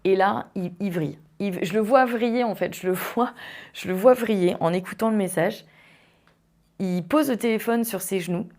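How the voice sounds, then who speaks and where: A young woman from western France hosting a podcast, telling a personal story in a casual, animated way, with lots of fillers and restarts. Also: mid-range voice, moderate pace. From Vendée, France. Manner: animated, tumbling speech with frequent fillers and restarts. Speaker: podcast host.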